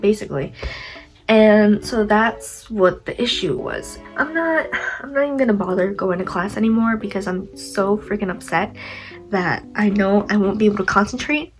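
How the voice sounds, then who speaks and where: Poor audio carries the mid-range voice of a young woman with a stuffy nose who is vlogging a casual story. She rambles chattily, says "like" a lot, and pokes fun at herself along the way.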